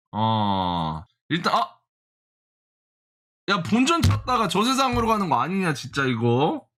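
A man's voice: mid-range voice, fairly bright tone. A young man giving live reaction commentary as he day-trades, exasperated and joking with his viewers and scolding the price chart. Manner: exasperated, talks to the chart, jokey banter with viewers. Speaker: stock-trading vlogger.

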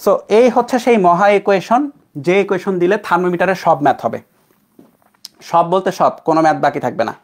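Teaching physics over the internet, this young man from Bangladesh speaks at a quick pace in a high voice. His manner is casual, and he frequently stops to make sure his students are following.

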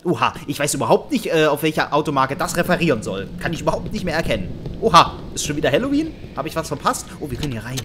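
A man's voice: on the high side, big pitch swings, fast talker, hardly any pauses, a bit bright, a little hiss or hum. A man casually commentating a horror game, joking and sarcastic, talking to the game character. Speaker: let's play host.

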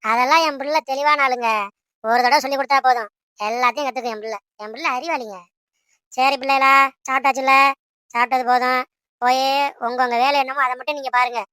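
A woman voicing a bright, scolding cartoon mother. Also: high voice, steady tone, clean tone, no room sound, studio quality. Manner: nagging, quick scolding. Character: bossy scolding mother of grown children. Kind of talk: Tamil cartoon voice acting.

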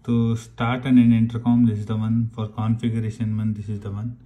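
A man with an Indian accent presents a casual hands-on how-to, speaking briskly in a fairly low, monotone, mellow voice. He explains each step and often checks in with "right," against clear background noise and room ambience.

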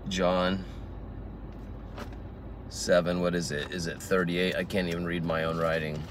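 A man's voice: low-pitched, level tone, unhurried, background noise. A man teaching the Bible informally outdoors in a garden, reading scripture aloud and explaining it verse by verse.

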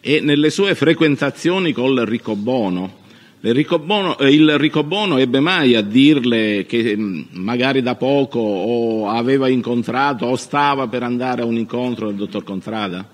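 A man cross-examining a witness as a lawyer in court, formal and probing, with halting phrasing. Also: medium pitch, lively intonation. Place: large reverberant courtroom. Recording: echoey courtroom with long reverb.

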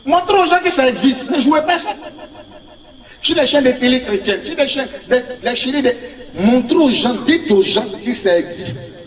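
A man's voice: very high voice, animated, normal speed, distant mic. A man from Ivory Coast, preaching a sermon as a prophet, telling stories with laughter and acted-out quotes. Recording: echoey room, speaker off-mic.

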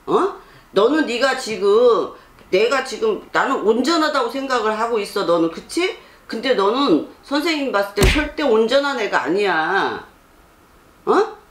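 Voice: mid-range voice, fairly bright tone. A fortune teller bluntly scolding a young man during a consultation, constantly prodding him for answers. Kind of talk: scolding counsel session. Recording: roomy with faint background noise.

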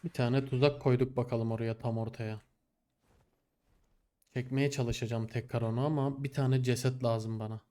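A man's voice: medium pitch, fairly even intonation, normal speed. Exasperated young man narrating his game. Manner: exasperated, talks to the game and his animals, swings from mutters to loud outbursts. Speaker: gameplay streamer. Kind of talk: casual gameplay commentary.

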